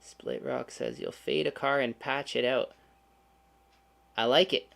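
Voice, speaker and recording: A man's voice: mid-range voice, steady tone, measured pace, creaky, fairly bright tone. Chatty joking man hosting a livestream. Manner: chatty, joking, sarcastic asides. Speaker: channel host. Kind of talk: casual livestream chat.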